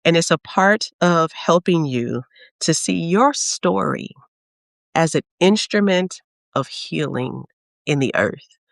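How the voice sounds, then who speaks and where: Slow, earnest woman sharing spiritual reflections. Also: fairly low pitch, lively intonation, vocal fry, no room sound, studio quality. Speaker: author and program leader. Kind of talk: heartfelt spiritual talk.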